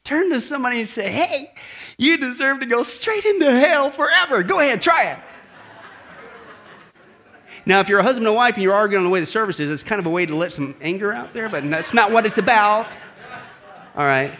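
A man preaching a sermon as pastor in a church, lively and conversational, acting out voices and asking the congregation questions. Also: sits high, a little fast, long pauses. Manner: animated, acts out grumbling voices and asks the audience questions.

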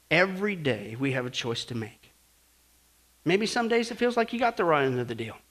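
Animated, high-voiced male preacher. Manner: animated storytelling, dropping to quiet emphasis. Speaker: pastor. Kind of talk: sermon with humorous anecdotes.

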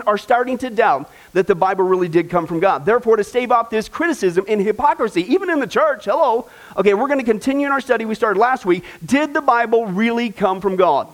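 A man with a strikingly high voice preaches a sermon at a church service. He jokes, turns emphatic, and keeps throwing questions out to the congregation. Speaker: pastor.

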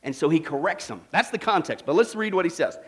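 A man preaching a sermon as pastor, animated and full of rhetorical questions that he keeps checking with "okay?". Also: fairly high pitch, fast talker.

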